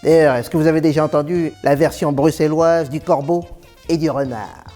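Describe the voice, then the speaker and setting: Male comedian, comic monologue, playful and teasing, mellow voice, slightly high. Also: normal speed, faint music behind. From Belgium and Congo. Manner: playful, teasing, lively punchlines.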